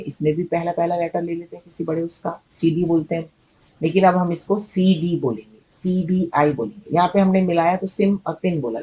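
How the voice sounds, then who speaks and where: In an explanatory video lesson, an English teacher explains things patiently, repeating key words and checking in with her students. Her voice is fairly low and dark, and the recording quality is poor.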